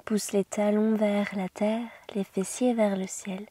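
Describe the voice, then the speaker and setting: A woman yoga teacher guiding a class in a soothing, gentle, slow manner, with a soft, breathy voice that often nears a whisper. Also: medium pitch, level tone. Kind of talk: guided yoga instruction.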